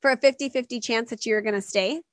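A woman's voice: a little high, fast, dry recording, clean studio sound. A woman co-hosting a podcast, chatting casually and bluntly, laughing often and teasing her co-host. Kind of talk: casual chat.

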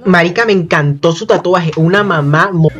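A man reacting to a show at home late at night, excitable and swearing often, with sudden shrieks. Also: high-pitched, normal speed. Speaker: reaction video host. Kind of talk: casual reaction commentary. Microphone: built-in computer microphone. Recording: dull lo-fi laptop mic with show music playing.

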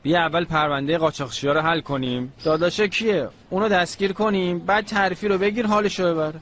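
A man's voice: sits high, a bit bright. A man dubbing a friendly young police colleague in a TV drama, urging his partner on. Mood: persuasive. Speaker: police officer. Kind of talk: dubbed TV drama.

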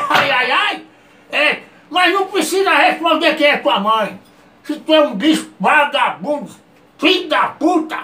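A man doing a rowdy, high-voiced old man. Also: reverberant, distant mic, a little hiss or hum, full character voice. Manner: rowdy, insulting, yelling threats. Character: feisty old man, self-styled king, scolding a virus. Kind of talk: comedic character sketch.

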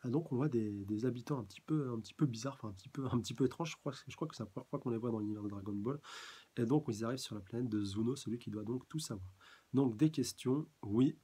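A man chats through a manga chapter in a relaxed live review, stumbling over words and filling gaps with hesitations. His voice is mellow and dark, with a husky edge. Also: medium pitch, quick pace. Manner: hesitant, many fillers and restarts, chuckles often.

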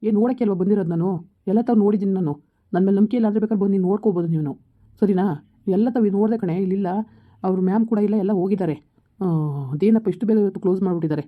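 A woman's voice: mid-range voice, racing, natural voice. A woman voicing a curt, irritable village husband, recorded with tinny phone-like sound. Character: gruff village husband, impatient.

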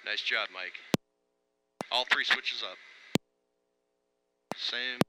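Male chamber instructor, medium pitch, briefing and coaching trainees through noticeable noise. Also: extremely slow. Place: small altitude chamber. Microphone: intercom. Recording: clear steady background noise.

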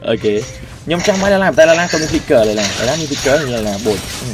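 Rapid-fire man calling out game moves. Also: mid-range voice, music in the background. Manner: excited, repetitive callouts. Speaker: gamer. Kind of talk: live game commentary with a teammate.

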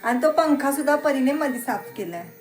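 A woman's voice: sits high, lively intonation, brisk, faint music behind. A woman in her thirties with a rural Marathi accent, chatting casually to viewers in a family vlog and teasing her daughters as she films. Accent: rural Marathi, Satara region. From Maharashtra, India. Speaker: family vlogger and mother. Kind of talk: casual home vlog narration. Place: home with rain outside.

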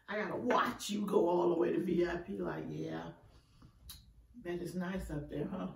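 A woman's voice: fairly low pitch, fairly even intonation, normal speed, creaky. A middle-aged woman telling stories casually while eating, her mouth sometimes full. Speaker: vlogger. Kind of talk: casual chit-chat storytelling during an eating show. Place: indoor room, green-screen backdrop. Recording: roomy echo, distant microphone.

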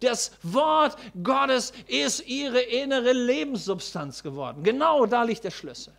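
High-voiced emphatic male preacher. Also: animated, measured pace, creaky, a bit bright. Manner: emphatic, repeats key phrases, asks the congregation questions. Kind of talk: sermon.

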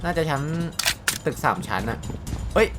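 A man giving calm, casual commentary while playing a mobile shooter, explaining in-game sounds and tactics to viewers. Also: a little high, moderate pace, heavy background noise. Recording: voice over loud background music and gunfire.

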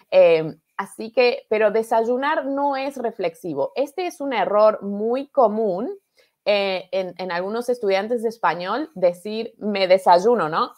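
With a mellow, mid-range voice, a woman from Argentina teaches Spanish in a live online stream from her home studio, speaking with an Argentine accent. She encourages viewers patiently, repeating and asking "¿verdad?" to keep them with her.

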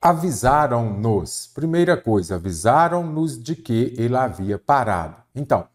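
A man's voice: medium pitch, very animated, normal speed. A teacher working through exam questions step by step, asking and answering his own questions. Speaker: Portuguese teacher. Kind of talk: exam prep lesson.

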